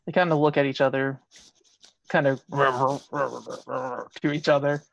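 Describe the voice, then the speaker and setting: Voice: mid-range voice, fairly even intonation, takes it slowly, vocal fry, no echo, muffled recording. A game master narrating a tabletop role-playing game in a casual, conversational storytelling manner.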